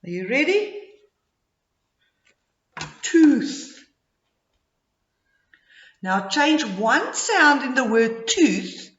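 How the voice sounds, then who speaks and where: A woman teaching phonics to young children, modeling sounds and words in slow, exaggerated speech with repetition and simple instructions. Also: sits high, very animated, a bit bright. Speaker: early-grade phonics teacher. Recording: dull, echoey room sound.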